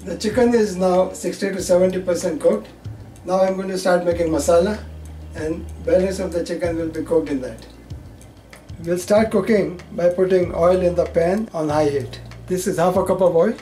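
Older man calmly explaining a recipe. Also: sits high. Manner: calm, plain, measured instructions. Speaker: home cook host. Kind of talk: step-by-step cooking instruction.

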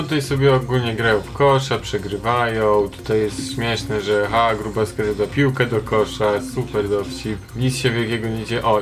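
A young man talks through his commentary in a chatty, digressive way with a sarcastic streak. His pitch stays level and flat, and faint music plays under him. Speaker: video commentator. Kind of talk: casual commentary.

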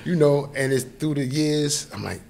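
Over a noisy crowd, a man from New York in his forties tells a personal story as a podcast guest, his fairly high, creaky voice moving at a moderate pace. He keeps checking in with the listener, speaking into a close boom-arm podcast mic in a small indoor studio.

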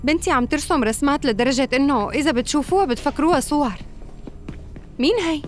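A woman's voice: sits high, fast, faint music behind, lightly acted. An actress with a Syrian accent playing a boastful, pushy mother in a dubbed prison drama. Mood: pushy, gushing.

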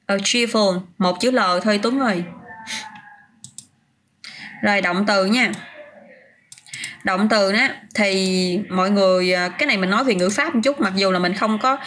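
Woman, livestream English teacher, chatty, mid-pitched voice, faint background hiss. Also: normal speed, long pauses, fairly bright tone. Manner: chatty, answers viewers' comments by name, many fillers and restarts. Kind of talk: casual livestream lesson.

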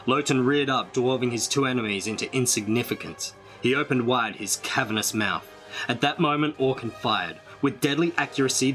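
A man reading a storybook aloud in a dramatic, measured way. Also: mid-range voice, sharp tone. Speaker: storybook reader.

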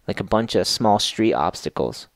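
Casual podcast co-host, man in his thirties, low-ish voice, dry close boom-mic sound. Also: big pitch swings, moderate pace, creaky, no room sound. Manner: laid-back, swears often, slangy. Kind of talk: casual chat. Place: small studio room, indoors. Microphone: boom mic with headphones.

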